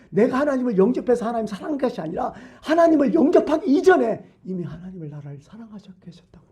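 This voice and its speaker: Male pastor, sermon delivery, warm mellow tone, emphatic with sudden hushed lines. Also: high-pitched. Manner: emphatic preaching with rhetorical questions, swinging from loud to hushed. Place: church.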